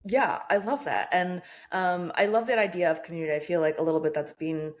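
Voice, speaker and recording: A woman's voice: on the low side, brisk. Upbeat woman podcast host. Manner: upbeat, enthusiastic, filler-heavy. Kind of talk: casual interview chat.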